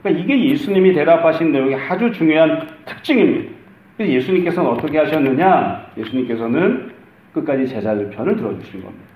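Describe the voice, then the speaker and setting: A man's voice: fairly high pitch, lively intonation, quick pace, echoey room, phone-quality sound. A middle-aged male pastor preaching a conversational sermon, acting out the lines he quotes.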